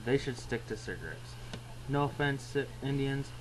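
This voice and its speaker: A man's voice: medium pitch, animated, moderate pace, background noise. A man reviewing a can of dip in a blunt, crude, rambling way, talking with a toothpick in his mouth. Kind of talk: casual product review.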